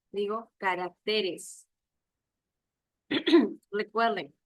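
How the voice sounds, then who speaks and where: Slow, patient woman teacher. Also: mid-range voice, fairly bright tone, dry recording, poor audio. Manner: patient, repeats examples and checks understanding with tag questions. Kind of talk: online class lecture.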